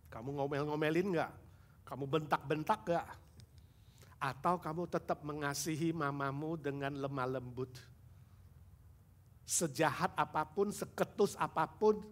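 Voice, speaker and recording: A male pastor preaching a sermon in an animated style, moving between quiet asides and raised, emphatic exhortation. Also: on the high side. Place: church service recorded for online broadcast.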